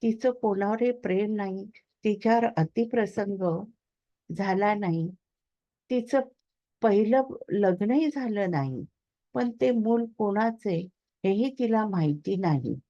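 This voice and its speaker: Woman doing a quiet young husband, subdued and hesitant, slow, slightly dull sound. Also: mid-range voice, no room sound, natural voice.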